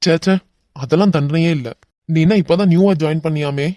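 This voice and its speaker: A man's voice: on the high side, brisk, mellow, no echo, studio quality, close to an everyday voice. A man voicing a hot-tempered young man who mocks and threatens a crook, with a Kanyakumari Tamil accent, in a cartoon. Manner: threatening, mocking.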